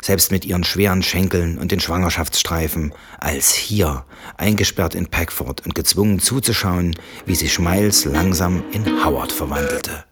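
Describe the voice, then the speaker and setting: A man reading an audiobook novel in calm, even scripted narration. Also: deep voice, moderate pace, faint music behind.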